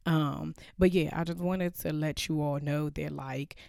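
An American woman, around her thirties, hosting an informal podcast in a crackly, hushed voice, confiding in listeners while keeping quiet so the household can sleep. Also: sits low, fairly even intonation, unhurried, creaky, no room sound, clean studio sound. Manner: confiding, conversational, addressing listeners directly. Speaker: podcast host. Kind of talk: informal solo podcast talk. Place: son's bedroom at home.

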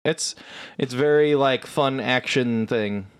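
A man co-hosting a casual podcast, laid-back and halting. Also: mid-range voice, clear, resonant tone. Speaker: podcast co-host.

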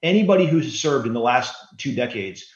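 A man in his forties, a guest author on an interview podcast, explaining in an earnest, steady way. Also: medium pitch, a little fast. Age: 40s. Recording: roomy, slightly dull sound.

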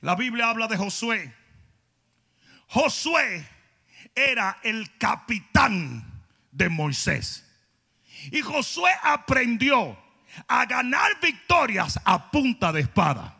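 A male pastor preaching with shouting emphasis and playful asides. His voice sits very high and cuts through bright and forceful. A husky, gravelly edge runs through it. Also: very animated, slow, long reverb tail. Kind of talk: sermon.

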